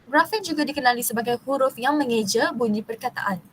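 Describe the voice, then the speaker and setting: A woman's voice: fairly high pitch, fairly quick, fairly bright tone, slight background noise, poor audio. Young woman reading a class presentation. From Malaysia. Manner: reads steadily, stumbling and restarting on long terms. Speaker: university student presenter.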